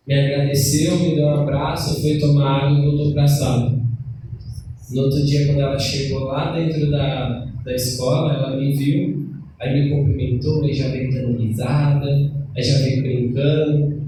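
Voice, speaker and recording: A man's voice: fairly high pitch, warm tone, a little hiss or hum. A man with a Brazilian Portuguese accent, a preacher and schoolteacher, preaching a sermon and telling a story from his classroom to the congregation. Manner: storytelling with acted quotes, addresses the congregation. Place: church hall. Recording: echoey church from far off, faint ambience.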